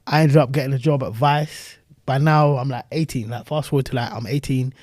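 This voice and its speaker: A young man from South London with a London accent, telling stories as a guest in casual podcast chat, animated and full of "like". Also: medium pitch, dry recording, clean studio sound. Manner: fast, chatty, peppered with "like", animated.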